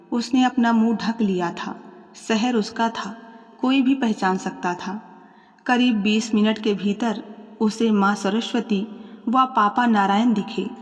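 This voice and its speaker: Calm, measured woman storyteller, fairly high voice, long reverb on the recording. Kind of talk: scripted story narration.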